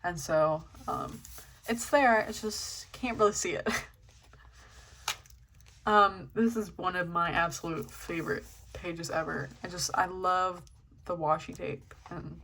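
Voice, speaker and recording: A woman's voice: fairly low pitch, fairly even intonation, slow, a bit bright, a little hiss or hum. A young woman hosting her first vlog, flipping through a journal in a casual, hesitant way with lots of ums. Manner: hesitant, many ums, self-deprecating. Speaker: channel host.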